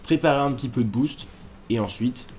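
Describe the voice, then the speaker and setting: A man's voice: medium pitch, fairly quick, a little mellow, a little hiss or hum. A man hosting a game walkthrough, talking casually and correcting himself as he explains moves to viewers. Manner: chatty, self-correcting, addresses viewers directly. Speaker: gaming walkthrough host.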